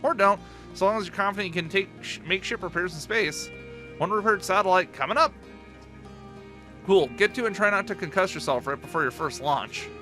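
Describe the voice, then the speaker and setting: A man's voice: sits high, fairly quick, over music, voice pushed up, lightly acted. A man reading aloud the lines of an alien flight coach in a video game, playful and teasing.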